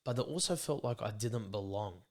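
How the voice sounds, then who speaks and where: This young Australian podcast host has a fairly low, expressive voice and talks at normal speed. His casual chat with his guest is laid-back and earnest, full of bro and mate.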